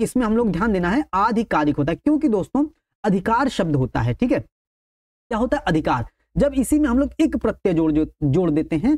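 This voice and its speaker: A woman's voice: medium pitch, a little mellow. A woman teaching an online exam-prep lesson. She calls her viewers friends, repeats each answer and keeps checking with "okay". She keeps flagging points as important to remember. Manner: stresses what is important and tells viewers to keep it in mind.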